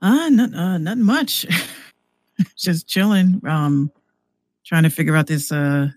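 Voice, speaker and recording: An American woman from New York City chats casually as a podcast guest, sounding informal and a bit hesitant and often repeating words. Her lowish, darkish voice takes its time, recorded at studio quality with no echo.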